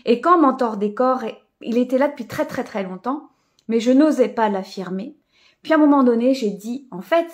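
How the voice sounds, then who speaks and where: A woman with a voice a little higher than most hosts a casual live stream for her community. She talks in a reflective, spiritual way, full of fillers and small laughs. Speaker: host of a live coaching session. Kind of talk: casual live stream talk, greeting viewers.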